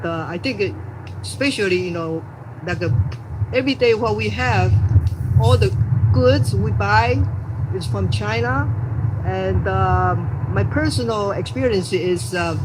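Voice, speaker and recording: An older woman from Taiwan, an engineer giving unscripted remarks at a press event, halting and full of fillers. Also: medium pitch, background noise. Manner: halting, many fillers and restarts.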